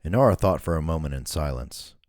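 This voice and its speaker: A man, the author, reading his own fantasy novel aloud in a steady, even voice. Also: extremely low pitch, brisk, no room sound, studio quality. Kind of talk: scripted narration.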